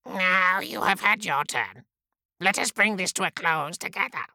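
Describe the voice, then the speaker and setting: A man's voice: sits high, a little slow, vocal fry, pushed and bright, dry recording, voice pushed up, heavily acted. A man voicing an ancient, scornful two-headed male daemon whose heads bicker in a mocking, menacing way. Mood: mocking menace.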